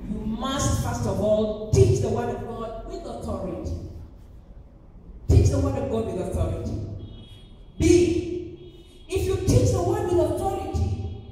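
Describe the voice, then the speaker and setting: High-voiced woman preaching in an echoey hall. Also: dark tone, distant mic, slight background noise. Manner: emphatic preaching, acts out quoted voices with big pitch jumps. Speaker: pastor. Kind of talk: sermon.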